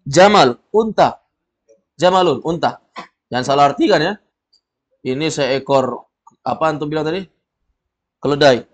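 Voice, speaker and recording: A man's voice: on the high side, normal speed, pauses often. A man leads a language class, drilling his students and quizzing them. He corrects mistakes directly and keeps the lesson moving. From Indonesia. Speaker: Arabic teacher.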